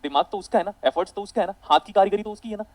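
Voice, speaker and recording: A man teaching an online physics lecture, rapid and animated, calling his students beta. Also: high voice, no room sound, low-quality recording.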